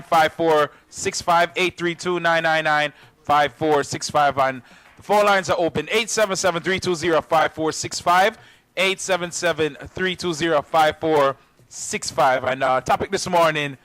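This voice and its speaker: Male radio host, slightly high, dry studio sound, easygoing, faint music bed. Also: no room sound. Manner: relaxed, easygoing, repeats numbers. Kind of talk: radio talk show hosting.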